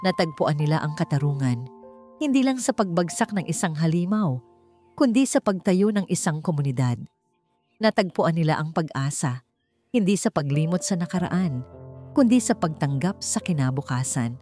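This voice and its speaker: A woman narrates a scripted romantic story in an animated way, her voice low and mellow, with deliberate phrasing and dramatic pauses. Soft music can be heard faintly in the background.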